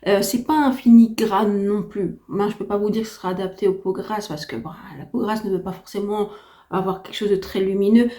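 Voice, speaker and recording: Recovering from a heavy cold, a beauty vlogger's unsteady voice gives out as she enthusiastically reviews a product on camera. She talks fairly quickly at a medium pitch, warm and steady, chatting casually with repetitive emphasis.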